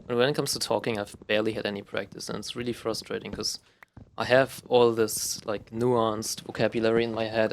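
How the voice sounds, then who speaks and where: Playing a game, a young man from Germany, a gaming vlogger, talks casually off the cuff in a German accent, rambling with many fillers and restarts. His medium-pitched voice is creaky, and a little hiss or hum sits in the recording.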